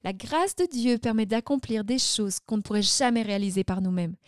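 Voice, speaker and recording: A woman's voice: mid-range voice, a little fast, no echo, clean studio sound. A woman minister delivering sermon-style teaching, speaking in emphatic, declaring phrases.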